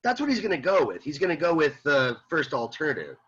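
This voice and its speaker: A man lectures a philosophy class in a bright, forceful voice with a husky edge. He repeats points and throws questions at the students. The lo-fi recording sounds dull. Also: on the high side, quick pace. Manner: animated, repeats himself, rhetorical questions to students. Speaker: philosophy teacher. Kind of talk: classroom lecture reading and explaining a text.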